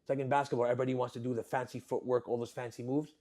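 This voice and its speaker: A man's voice: medium pitch, little pitch movement, racing, a little mellow. A young adult man and restaurant owner, chatting as a guest in an interview, who tells stories animatedly and acts out his customers and workers. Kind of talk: casual interview chat.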